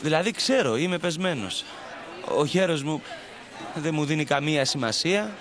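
A man dubbing a downcast, broke young man who apologizes haltingly in a TV drama. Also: on the high side, lively intonation, crowd noise, lightly acted. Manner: hesitant, downcast. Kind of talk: dubbed teen TV drama. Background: faint background score.

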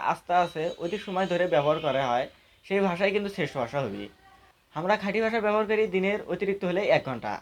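A man from Bangladesh, giving a folksy, blunt debate speech. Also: sits high. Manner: folksy and blunt, arguing for dialect.

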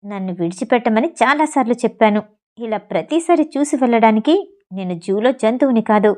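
A woman's voice: on the high side, expressive, brisk, lightly acted. A woman voicing a furious captive man held in chains in an audio novel, speaking in angry bursts. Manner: angry shouting.

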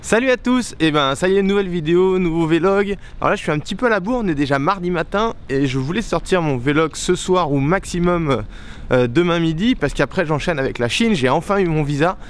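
Outdoors on a paved lot, a young adult male motorcycle stunt vlogger talks casually to a handheld camera held at arm's length. His slightly high, smooth voice is expressive and a little fast, and he rambles chattily, explaining things with many fillers and restarts. Outdoor ambience and a passing plane can be heard in the background.

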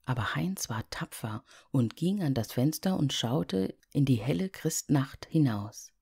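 Female storyteller, low husky voice, calm unhurried fairy-tale reading. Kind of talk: scripted fairy-tale narration.

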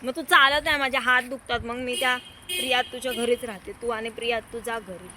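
A woman's voice: a little high, a little fast, noisy background. A young woman vlogging outdoors at night on a handheld phone, chatting to viewers and coaxing and scolding her small child. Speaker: vlogger and mother. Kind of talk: casual vlog talk to viewers and her child. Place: outdoors on city streets at night.

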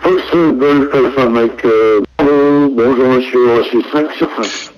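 A man's voice: medium pitch, slow pace. A man working as an air traffic controller in a flight sim, speaking in radio phraseology over a headset radio channel, hesitant with frequent fillers. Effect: heard over a headset radio channel. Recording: dull, muffled radio audio with faint hiss.

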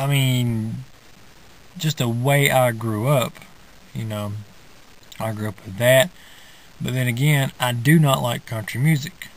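A man's voice: medium pitch, slight background noise, low-quality recording. Young man rambling in a parked car. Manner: rambling, drawling, many fillers and restarts. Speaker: vlogger. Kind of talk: casual rambling monologue. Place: inside a parked car in the woods. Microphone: phone or camera held at arm's length.

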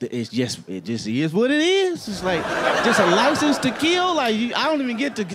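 A young man doing a stand-up set on a comedy club stage, talking loud and animated into a handheld mic, swearing freely. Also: a little high.

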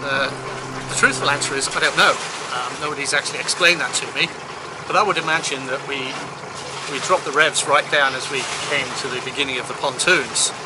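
A man's voice: mid-range voice, a little fast. An older man who skippers a sailing boat, explaining things in a plain, practical way, step by step, in casual chat on deck. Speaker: sailing vlog co-host, skipper. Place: outdoors on a sailboat deck, in a marina. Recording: loud wind and engine noise.

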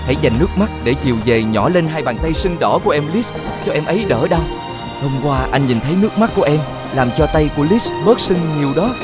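A man's voice: fairly high pitch, expressive, brisk, loud music behind the voice, lightly acted. A man playing a caring elder prince brother. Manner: gentle, reassuring. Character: caring eldest prince brother, protective and calm.

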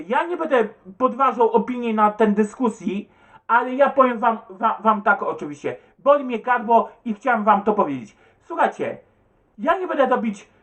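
A man who answers viewer comments in an agitated, stumbling rant, swearing and repeating himself. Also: high-pitched. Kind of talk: rambling webcam rant.

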